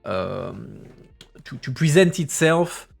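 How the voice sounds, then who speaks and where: Over soft background music, a man streams a casual news review, reading articles aloud before slipping into loose, sarcastic asides as he thinks aloud. His medium-pitched voice is gravelly and very animated, though his pace is slow. He sounds hesitant, with many fillers and restarts.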